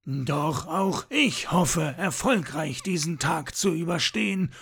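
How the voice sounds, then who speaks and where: A man's voice: fairly high pitch, animated, slow, creaky, fairly bright tone, breathy edge, exaggerated voice. A man voicing a proud, boastful male warrior comrade in a storybook, teasing and good-humored.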